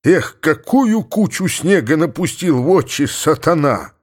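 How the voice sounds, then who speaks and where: A man's voice: on the high side, very animated, unhurried. A man voicing a sly, stubborn older village cossack who grumbles and mutters to himself with comic indignation. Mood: grumbling.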